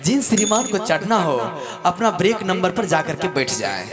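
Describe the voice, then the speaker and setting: A man playing a railway station announcer making a formal call over the loudspeaker. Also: high voice, very animated, normal speed, over music, voice pushed down.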